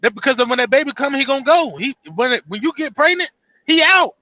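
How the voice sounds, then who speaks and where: A man's voice: very high voice, expressive, fast talker, bright, forceful tone, no echo, lo-fi sound. A man giving earnest, repetitive life advice in a casual monologue to camera, often restarting his sentences.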